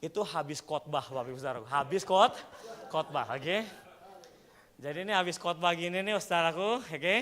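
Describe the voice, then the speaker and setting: A male pastor with a Kupang accent preaching a sermon full of storytelling, often addressing the congregation and acting out shouts in his stories. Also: fairly high pitch, normal speed. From Indonesia. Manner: animated, acts out shouting in stories.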